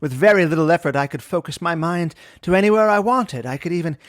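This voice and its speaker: In an old-time radio detective drama, an actor plays a remorseful, haunted scientist who faked his death, using a grave, melodramatic manner. His slightly high voice is lively in intonation, fast and close to an everyday sound, captured in a dry, clean studio recording.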